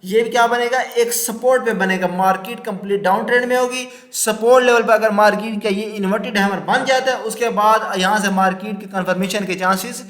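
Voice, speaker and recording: A man who teaches chart patterns to beginners, talking fast with many fillers and restarts. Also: high voice, steady tone, fairly bright tone. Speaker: trading teacher. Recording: echoey room.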